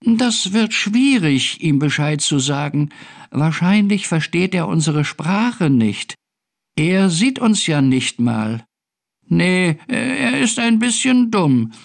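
Tiny, boastful creatures, as a male narrator puts them on, brag excitably in a storybook game. The voice is high and lively, with a slightly gravelly grain. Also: slow, full character voice. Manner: bragging, excitable.

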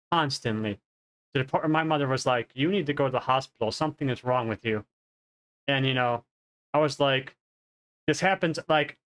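With a slightly high, fairly bright voice, a man in his thirties streams from home, giving a loose, meandering update through a headset. He backtracks to correct himself, and he sounds congested and nasal, coughing now and then.

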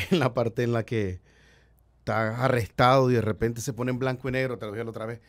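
A man hosting a casual podcast interview who speaks eagerly and quickly. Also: medium pitch, fairly even intonation. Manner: enthusiastic, fast interviewer. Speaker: podcast host.

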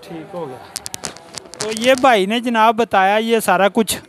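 Strolling through a market tool shop indoors, this thirties-aged vlogger casually points out items and asks what they cost, his Urdu carrying a Pakistani Punjabi-inflected accent. He talks at a measured pace in a high, fairly bright voice, with a little hiss or hum in the background.

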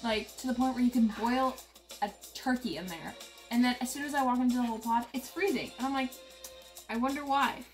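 A woman's voice: on the high side, a little fast, faint music behind. A young woman telling an exasperated story about a roommate's habits during a comedy skit. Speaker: college roommate.

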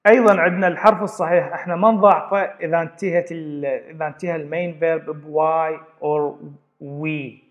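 A man's voice: fairly high pitch, fairly even intonation, fairly quick. A man teaching an English grammar lesson, explaining step by step and repeating words as he goes. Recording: dull lo-fi recording.

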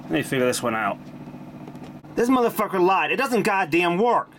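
A man with a high, sing-song, slightly bright voice talks at a moderate pace as he repairs a vintage machine. His commentary is casual, blunt, and salty, typical of a hobbyist demo. The recording is noisy amateur camera audio with a mechanical hum.

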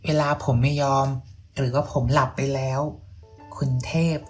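A reader doing a gentle, coaxing young doctor. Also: medium pitch, level tone, normal speed, faint music behind, lightly acted. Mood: affectionate. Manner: polite, coaxing, modern speech. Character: gentle young male doctor from modern times. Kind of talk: audiobook role reading.

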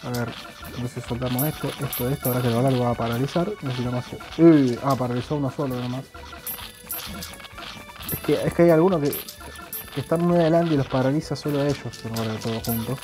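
A young man with an Argentine Spanish accent, a gaming YouTuber, jokes around in crude slang while playing a video game. His voice is medium-pitched and quick, with music in the background.

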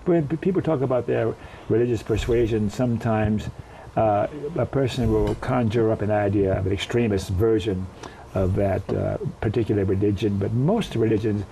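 An older man hosting a studio interview, asking questions slowly with a joking, chuckling manner. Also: fairly low pitch, vocal fry, warm tone, slight background noise, rough recording. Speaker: host. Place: dark television studio, indoors. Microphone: lapel mic.

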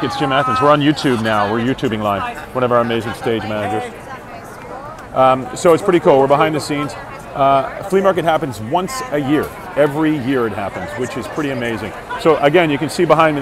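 A man in his forties, an actor, chatting casually to viewers on a live phone stream as he walks a street fair, upbeat and full of fillers. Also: mid-range voice. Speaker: Broadway actor vlogging live. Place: crowded city street outdoors. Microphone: earbud headset mic on phone held at arm's length. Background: street crowd.

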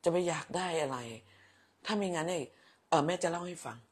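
ผู้หญิงวัยกลางคน อดีตครู คุยไลฟ์สดอ่านคอมเมนต์ผู้ชม พูดแบบแม่ๆ ชอบแซว พูดซ้ำคำ. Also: female voice, lowish voice, a little fast, darkish tone, husky. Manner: chatty, motherly, teasing, repeats words. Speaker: livestream host, former teacher. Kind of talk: casual live chat reading viewer comments.

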